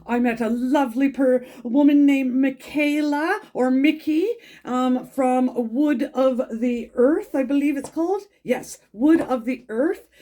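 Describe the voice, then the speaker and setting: A middle-aged Englishwoman who reads tarot chats in her casual weekly vlog, her slightly high, somewhat mellow voice croaky from a cold. She rambles and gushes, full of ums and restarts.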